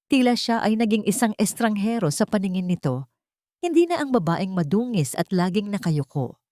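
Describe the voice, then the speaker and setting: Reading a dramatic story from a script, this Filipino-accented woman works as an audiobook narrator in a mid-range, somewhat dark voice. She's very animated and keeps a moderate pace, captured in clean studio sound without any room echo.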